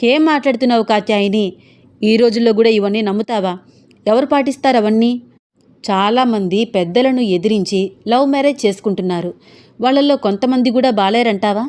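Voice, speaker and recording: A woman's voice: on the high side, fairly quick, lightly acted. A woman doing a scoffing irritated father. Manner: shouting, scoffing. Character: middle-aged father, irritated and dismissive.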